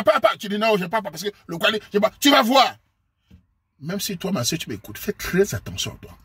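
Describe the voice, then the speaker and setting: A man from Cameroon with a Cameroonian French accent, delivering a preachy, scolding monologue to his viewers and sometimes bursting into shouts. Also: sits high, husky. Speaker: online commentator.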